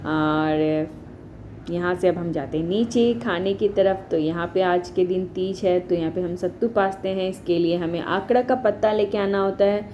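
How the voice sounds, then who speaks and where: Woman in her 30s talking through her family vlog, low mellow voice, kinda muffled home recording w a little background hum. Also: normal speed. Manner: homely, explaining each ritual step by step. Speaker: vlogger. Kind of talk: casual voice-over narration of a family festival vlog.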